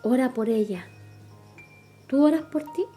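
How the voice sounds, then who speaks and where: A woman's voice: sits high, unhurried, mellow, faint music behind. A middle-aged woman, preaching at a women's retreat and calling her listeners sisters. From Chile. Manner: fervent, addresses listeners as sisters. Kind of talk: sermon.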